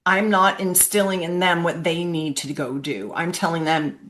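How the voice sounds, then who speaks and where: A woman's voice: on the low side, steady tone, normal speed, fairly bright tone. A middle-aged woman hosting a podcast, giving earnest coaching parenting advice and acting out example phrases. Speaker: podcast host.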